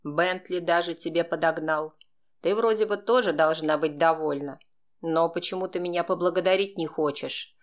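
A woman voicing a calm, mocking, manipulative man who blackmails, speaking slowly in a cold, sneering way. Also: fairly low pitch, natural voice. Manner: slow, sneering, coldly composed.

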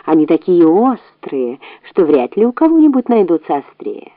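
A woman's voice: lowish voice, very animated, normal speed, no room sound, phone-quality sound. Woman doing a sly, vain old rat. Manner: wheedling, self-praising. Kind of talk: storybook reading.

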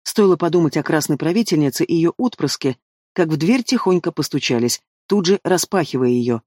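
A man reads a first-person fantasy novel with expressive storytelling. His voice sits a little high for a man, recorded close and dry. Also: brisk, dry recording. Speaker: audiobook narrator. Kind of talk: scripted first-person narration.

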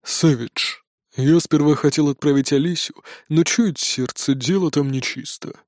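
A man reading an audiobook, voicing a tired, gruff middle-aged man who talks curtly and grumbles. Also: fairly high pitch, measured pace, darkish tone, no room sound, clean studio sound, natural voice. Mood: stern. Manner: weary, grumbling and curt. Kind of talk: audiobook character voice.

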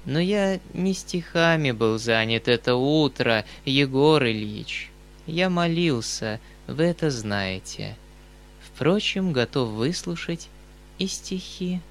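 Мужчина читает за ханжу средних лет, говорящего слабым, страдальческим голосом прощающего врагов. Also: male voice, medium pitch, animated, slow. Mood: wounded. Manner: weak, martyred, preachy. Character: sanctimonious middle-aged male hanger-on, feebly self-pitying.

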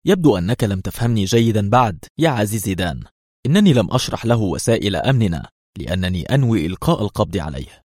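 A man's voice: fairly low pitch, sing-song, fast, darkish tone, husky, dry recording, clean studio sound. Smug scheming ambassador voiced by a man. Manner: smug, mocking. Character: arrogant scheming male ambassador.

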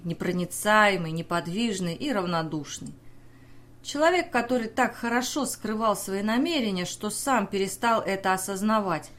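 A woman narrates a story at a medium pitch, in a steady, measured audiobook reading. Her pacing is even and deliberate.

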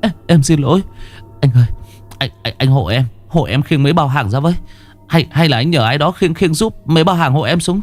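A man plays a meek rickshaw driver who stammers through every plea. His voice sits high and wavers. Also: lively intonation, brisk. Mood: pleading. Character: timid stuttering rickshaw man, pleading.

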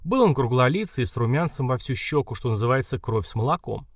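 A man narrating an audiobook with lively, animated intonation. The recording is dry and close, with no room sound. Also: mid-range voice, fast talker, dry recording. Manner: expressive reading. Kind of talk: scripted narration.

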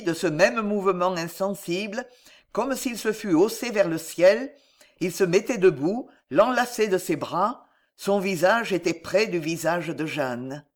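Slow, high-voiced dramatic male reader. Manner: measured, expressive, dramatic pauses. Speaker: audiobook reader. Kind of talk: dramatic reading of a classic novel.

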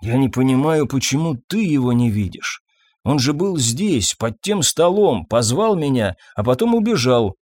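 Усталый, робкий официант средних лет, которого играет мужчина говорит медленно, надломленно и виновато. Голос живо меняет интонацию. Звук сухой и близкий, как в аудиокниге. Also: male voice, mid-range voice, sing-song, a little mellow, no room sound, clean studio sound. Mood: pleading. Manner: slow, weary, pleading speech. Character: tired, timid, guilt-ridden middle-aged waiter.

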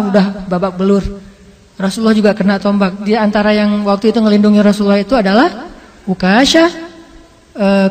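A man preaching as an Islamic teacher, telling a story in an animated, conversational way and acting out quotes. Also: high voice. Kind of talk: storytelling sermon. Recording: long hall reverb.

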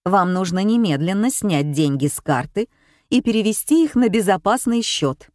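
A woman's voice: medium pitch, lively intonation, moderate pace, darkish tone, dry recording, clean studio sound, natural voice. A woman reading a pushy bank caller. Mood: urgent. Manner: firm and urgent. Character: pushy, official-sounding bank caller on the phone. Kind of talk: audiobook character reading.

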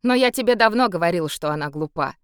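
A woman reading a tired calm nobleman, dry weary manner, lively intonation, audiobook character. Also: fairly low pitch, fast talker, clear, resonant tone, no echo. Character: tired, level-headed male noble, the emperor's cousin.

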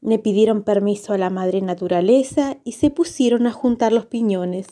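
A woman narrating a children's story on the radio in a gentle, expressive way. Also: mid-range voice, moderate pace.

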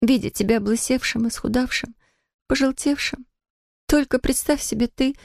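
A woman's voice: fairly even intonation, moderate pace, vocal fry, darkish tone, dry recording, clean studio sound. A woman reading an audiobook, voicing a distraught young woman who pleads through tears in a raised voice. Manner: high pleading tearful outbursts. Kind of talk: audiobook character voice.

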